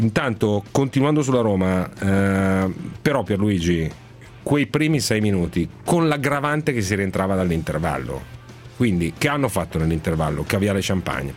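A man's voice: low-pitched, expressive, fairly quick, a little mellow, soft background music. A man hosting a sports radio talk show, chatting in an emphatic style with wry exaggeration. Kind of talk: animated sports radio chat.

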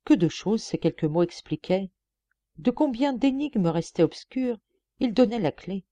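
A woman narrating a literary audiobook, measured and expressive. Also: medium pitch, no room sound, dull audio. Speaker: audiobook reader.

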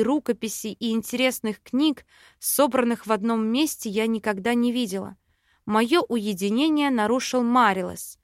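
Fairly high-voiced woman narrating an audiobook. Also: no echo, clean studio sound. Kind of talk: scripted narration.

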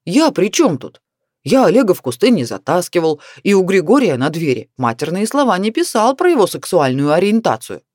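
A woman's voice: fairly low pitch, very animated, fairly quick, darkish tone, dry recording, clean studio sound. A woman reading the part of a jovial middle-aged husband who mocks and then turns defensive. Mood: defensive, mocking. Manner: mocking, wry storytelling.

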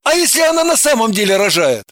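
Woman reading as easygoing joking man, teasing, casual, lively pitch, dry sound. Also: fast, no room sound. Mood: urging.

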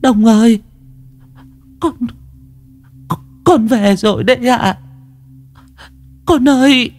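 A man's voice: extremely high pitch, takes it slowly, a little mellow, voice pushed up. A man doing a sobbing old mother. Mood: tearful pleading. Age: older. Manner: tearful, pleading.

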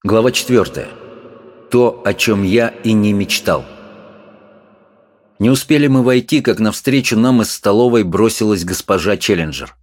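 A man narrates an audiobook expressively, like a storyteller, in a fairly low voice at a normal speed.

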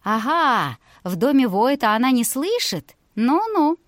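A woman voicing a calm young female mage who speaks dryly and matter-of-factly. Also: high voice, a little slow, no echo, voice pushed up. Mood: confident. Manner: dry, matter-of-fact.

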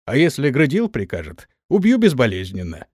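A man voicing a calm, quiet orc warrior who speaks evenly and unruffled in an audiobook. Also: medium pitch, normal speed, no room sound, studio quality.

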